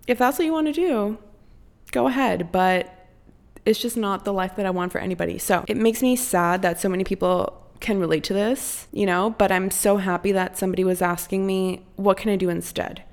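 Chatty gravelly-voiced young woman podcaster. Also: mid-range voice. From Costa Rica. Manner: chatty, candid, swears freely. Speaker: podcast host. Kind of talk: casual solo podcast chat. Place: her apartment.

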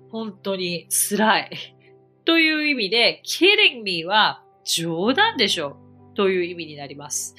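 Bright lively woman teacher, drills words over and over, faint music under her. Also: mid-range voice. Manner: animated, drilling example words with exaggerated repetition. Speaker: English teacher hosting a podcast. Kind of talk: podcast lesson on English pronunciation.

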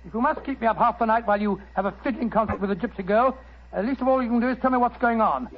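Doctor Watson, high and flustered. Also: male voice, rapid-fire, a little hiss or hum. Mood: flustered, narrating. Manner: exasperated, bluff, stammering. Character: loyal, flustered male doctor companion. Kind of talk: 1940s radio acting. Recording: muffled old radio broadcast.

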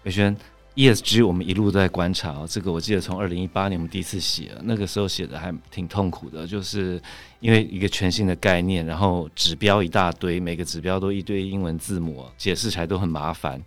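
A man's voice: low-pitched, steady tone, fast. A man with a Taiwanese accent hosting a conversational podcast like a public radio host, addressing listeners and explaining. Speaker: host, magazine editor-in-chief.

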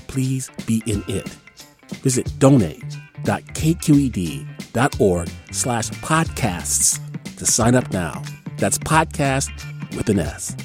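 A man's voice: medium pitch, very animated, slow, music in the background. A man, a podcast host, reading a station promo in a playful, upbeat way.

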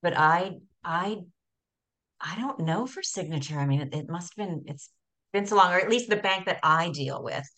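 Low-voiced Canadian woman hosting. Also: moderate pace. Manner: chatty, animated storytelling with repeated restarts. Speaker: podcast host. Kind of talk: casual interview.

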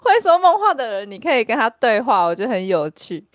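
Woman co-host, quick and animated, a bouncy voice for casual chat. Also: fairly high pitch, dry recording, clean studio sound. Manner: animated, eager storyteller. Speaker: podcast co-host.

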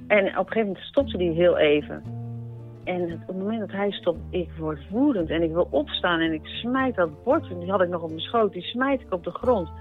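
A woman giving a personal account in a reflective, halting way. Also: on the low side, animated. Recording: narrow radio-broadcast sound, faint music.

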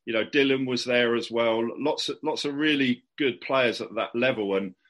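A man's voice: mid-range voice, normal speed, a bit bright. A man hosting a podcast interview in a chatty, casual way. He strings out long, rambling questions with many restarts and fillers. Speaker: podcast host.

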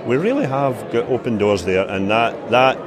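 A man's voice: mid-range voice, animated, normal speed. A man with a Scottish accent, a farmer and union chair, talking plainly and earnestly in an interview. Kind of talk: casual interview. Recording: crowd chatter behind.

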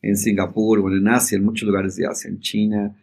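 A middle-aged man, a podcast guest telling a story in a lively way and acting out the voices in it. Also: on the low side, brisk, husky. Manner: animated storyteller, acts out quoted dialogue. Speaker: podcast guest, entrepreneur and speaker. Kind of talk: casual storytelling chat.

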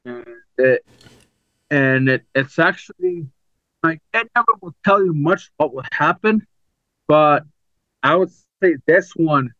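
A man co-hosting a podcast, chatting casually about sports, halting and restarting his sentences often. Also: fairly high pitch, expressive, sharp tone, no room sound, dull audio. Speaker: podcast co-host.

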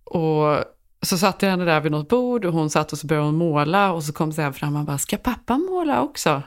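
A woman in her thirties with a slightly low-pitched voice talks in a relaxed podcast chat. She tells a family story with energy and jumps into the voices of the people in it. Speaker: podcast co-host. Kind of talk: casual chat.

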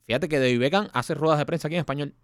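Fast-talking joking man, dry sound. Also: fairly high pitch, smooth, dry recording. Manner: joking, teasing banter. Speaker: podcast co-host. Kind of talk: casual chat.

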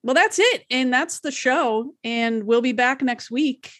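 A woman's voice: high-pitched, measured pace, a bit bright, dry recording, studio quality. A woman co-hosting a podcast in a casual, playful, bantering way. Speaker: podcast co-host.

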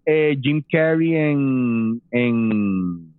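A man's voice: medium pitch, very slow. Man telling a story, tinny. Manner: animated, mixes English phrases, acts out voices. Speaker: storyteller guest. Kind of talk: casual podcast storytelling. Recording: tinny phone-like dry sound.

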